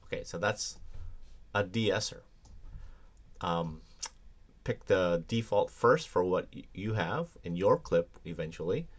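A man's voice: low voice, lively intonation, slow, long pauses, slightly rough. A man teaching audio editing in a screencast tutorial, explaining in a casual way with many ums and restarts. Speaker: audio production instructor.

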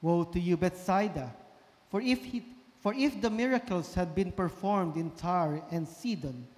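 A man proclaims scripture in a high-pitched voice, slowly and solemnly. The sound carries a long cathedral echo, as in a large church. His delivery is formal and liturgical. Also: darkish tone. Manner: solemn, measured. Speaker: minister proclaiming the gospel at Mass. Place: large church sanctuary, indoors.

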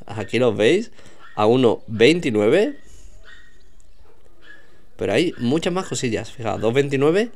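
A man's voice: mid-range voice, very animated, unhurried, long pauses, darkish tone. A man casually walking through a supermarket aisle, pointing out products to his viewers. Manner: chatty, pointing things out to viewers. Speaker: vlogger showing store products. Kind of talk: casual walkthrough narration.

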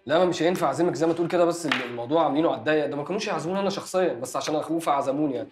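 An actor with an Egyptian accent playing an evasive young man who makes smooth excuses to his girlfriend. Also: lowish voice, music in the background, close to an everyday voice. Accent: Egyptian Arabic. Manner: smooth, fast excuse-making. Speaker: actor in a TV drama series. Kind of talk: TV drama acting.

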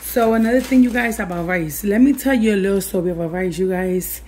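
Husky, hoarse woman vlogging. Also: medium pitch, a little fast, a little mellow. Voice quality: raspy, husky, breaking voice. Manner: addresses viewers familiarly, encouraging. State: losing her voice, hoarse. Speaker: budget cooking vlogger. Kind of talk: casual chat to viewers over cooking demonstration. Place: home kitchen.

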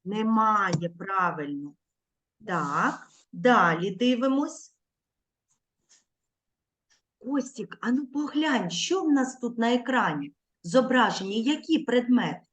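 Woman teacher on a video call, slow and clear, lively, rising pitch, warmly coaxing small kids through a lesson. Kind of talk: online lesson for young children. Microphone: computer mic on a video call.

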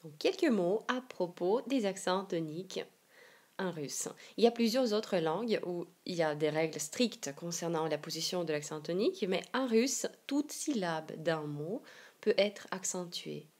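A woman from Siberia with a Russian accent, teaching a language lesson online and explaining slowly and carefully. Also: on the low side, animated, darkish tone. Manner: slow, careful explanations with example readings.

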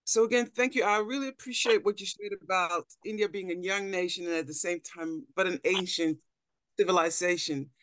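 Her voice is fairly low and a bit bright, and she talks a little fast. With no room sound, the clip captures a middle-aged Dutch anthropologist on a panel giving a thoughtful slide lecture via video call indoors, often repeating words as she seeks the right phrasing.

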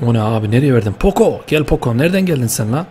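A young man giving lively, excitable commentary while playing a football video game, cheering and scolding his players with slang. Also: mid-range voice, very fast, slight background noise. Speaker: gaming YouTuber.

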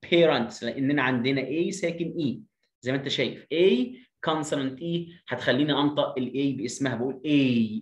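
Fast-talking Egyptian man teaching English. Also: a little high. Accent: Egyptian Arabic. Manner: drills pronunciations by repeating words slowly. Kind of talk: online English lesson. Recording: roomy echo.

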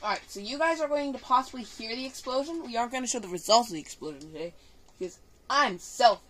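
Speaking quickly in a mid-range, slightly bright voice, this female gaming host sounds animated as she improvises loose commentary. She's bossy and teasing, drifting into staged squabbling. The noisy indoor recording, shot off a TV screen, has clicking throughout.

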